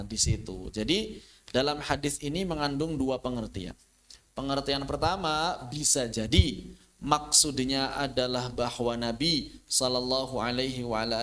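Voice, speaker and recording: A man giving a religious lecture, explaining patiently, his voice rising and falling and sometimes dropping into a slow chant. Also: a little high, a bit bright. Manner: explanatory, rises and falls, briefly chants verses. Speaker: Islamic teacher.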